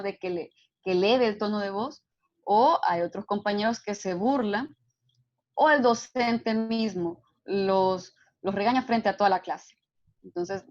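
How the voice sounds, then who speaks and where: Woman lecturing, dull lo-fi audio. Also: mid-range voice. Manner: explanatory, frequent tag questions. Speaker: psychology instructor. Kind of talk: online lecture.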